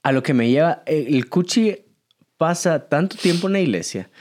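A man in his thirties with a Guatemalan Spanish accent, co-hosting a casual podcast, explaining things with a lively manner and frequent laughs. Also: on the high side, moderate pace. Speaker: podcast co-host, father, church member.

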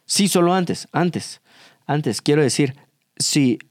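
A man, co-hosting a casual faith chat and telling a story about his son in a lively way. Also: a little high, slow pace, no room sound, clean studio sound. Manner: animated storyteller, acts out quotes. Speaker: co-host, father. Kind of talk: casual chat with devotional reflection.

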